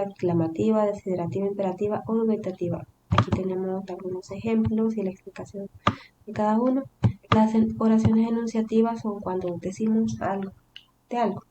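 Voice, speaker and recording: A woman's voice: medium pitch, highs cut off, noisy background. A woman teacher giving a recorded language lesson, explaining step by step and restating terms in simpler words. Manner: reads example sentences with acted intonation.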